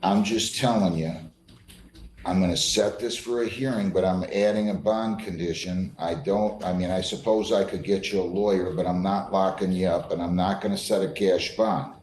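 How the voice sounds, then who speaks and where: An American man presides over a court hearing as a judge, speaking from the bench in a low, steady, darkish voice at normal speed. He's firm and plain-spoken, repeating points for emphasis in an informal manner, and the indoor courtroom adds roomy echo with faint noise.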